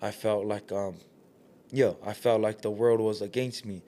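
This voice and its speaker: A man speaks in a low voice that stays fairly level in pitch. He talks in a laid-back, earnest way, peppering his thoughts with "like" as a guest in a casual interview. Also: fairly even intonation, normal speed, dark tone. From New Zealand. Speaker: guest, community leader.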